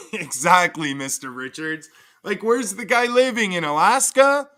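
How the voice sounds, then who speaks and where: High, bright-voiced man ranting. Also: animated, unhurried. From Canada. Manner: crude, profane, mocking. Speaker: livestream host. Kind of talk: casual livestream rant.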